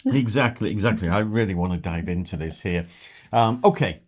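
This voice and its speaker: A man's voice: low-pitched, brisk, darkish tone. Chatty man tasting pastries. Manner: chatty, talks with mouth full. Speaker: travel vlog co-host. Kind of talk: casual food tasting chat.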